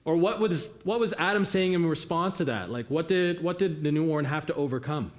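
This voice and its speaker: A man's voice: on the high side, lively intonation, fairly quick. A man leading an interactive theatre workshop, encouraging volunteers and asking the audience questions. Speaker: workshop facilitator.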